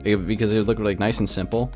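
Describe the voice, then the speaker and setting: A young man chatting casually on a gaming livestream, rambling with lots of "like" and ranting in an animated way. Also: on the low side, quick pace, soft background music. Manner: rambling, heavy use of filler "like", animated ranting.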